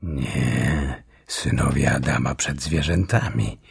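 A man's voice: very deep voice, slow, gravelly, husky, no echo, studio quality, voice pushed down, exaggerated voice. A man reading an earnest male beaver who whispers urgently. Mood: hushed urging.

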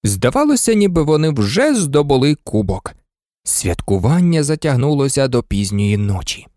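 A narrator reading a children's fantasy story aloud, dramatic and lively, switching into many character voices. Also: mid-range voice, moderate pace, no room sound, clean studio sound. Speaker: audiobook narrator.

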